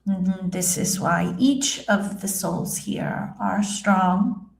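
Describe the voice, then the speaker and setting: Woman channeling a very slow, solemn spirit, seance-medium style. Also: mid-range voice, creaky, slight background noise. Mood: serene, solemn. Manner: halting, solemn, measured, with hums and long pauses. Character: serene female spirit guide speaking through a seance medium. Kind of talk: trance channeling, addressing listeners as a spirit. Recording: roomy, echoing sound.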